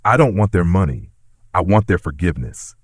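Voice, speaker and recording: A man's voice: low-pitched, sing-song, fairly quick, slightly rough, no room sound, studio quality, full character voice. A man reading the lines of a desperate, drunken estranged father in a story narration. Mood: pleading. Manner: pleading, slurring.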